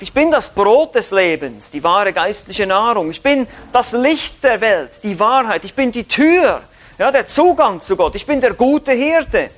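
A Swiss German man teaching from the Bible in sermon style. His voice sits high for a man, and he stresses points emphatically, rising then dropping low. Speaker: preacher.

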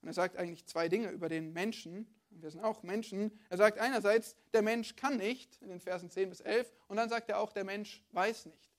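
A woman preacher gives a sermon in an easy, conversational manner, talking directly to her listeners and repeatedly putting rhetorical questions to them. Her voice sits at an ordinary middle pitch, steady in tone, at a moderate pace with few pauses.

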